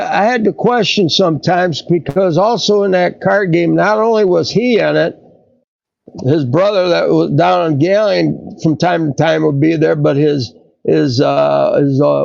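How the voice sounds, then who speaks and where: Gravelly man, fairly high voice, halting storyteller, dull dry lo-fi sound. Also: darkish tone, no room sound. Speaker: podcast co-host. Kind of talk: casual storytelling.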